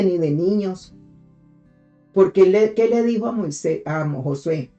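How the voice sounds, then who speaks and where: A preacher leads a morning devotional in a warm, mellow voice at a middle pitch. The delivery is patient and methodical, with rhetorical questions and key lines said again for emphasis. A soft guitar plays quietly underneath. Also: highs cut off. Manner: teaches step by step with rhetorical questions; repeats key phrases for emphasis. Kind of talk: devotional sermon.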